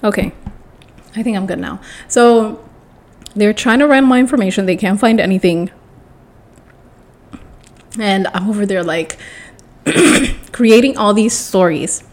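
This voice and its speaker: Young woman, casual storytime monologue, rambling, self-correcting, dramatic, frequent throat clearing. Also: mid-range voice, a little slow, pauses often. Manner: rambling and self-correcting, often restarting sentences. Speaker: vlogger telling a personal story.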